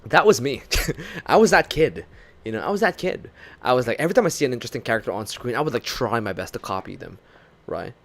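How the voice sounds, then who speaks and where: Animated Filipino streamer with a gravelly voice. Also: male voice, medium pitch, fast talker. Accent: Filipino English. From Philippines. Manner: animated, swearing, laughing storyteller. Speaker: VTuber streamer. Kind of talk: casual stream chat, reading chat.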